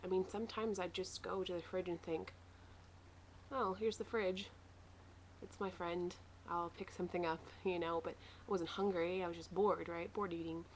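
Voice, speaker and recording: A woman with a slightly low voice records a casual video diary at home. She rambles along in a matter-of-fact way, as a vlogger would. There is light noise in the recording. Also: poor audio. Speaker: vlogger sharing a weight-loss surgery recovery diary.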